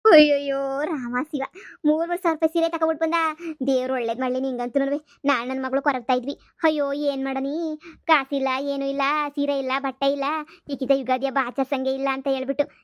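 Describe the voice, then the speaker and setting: A woman's voice: high-pitched, little pitch movement, a little fast, dry recording, natural voice. A woman voicing a poor old village mother who gushes with thanks in a cartoon comedy. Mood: gushing. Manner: gushing, blessing, fussing over gifts. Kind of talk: cartoon voice acting.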